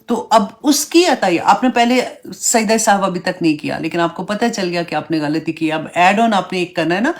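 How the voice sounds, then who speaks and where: A woman leads an online religious class in a relaxed, chatty manner. Her voice sits a little low for a woman. She slips English words into her explanations and keeps checking in with her students as she walks them through each point. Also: few pauses. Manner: conversational, mixes English words into Urdu; explains step by step, asks "right?" and "na?". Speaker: Islamic teacher.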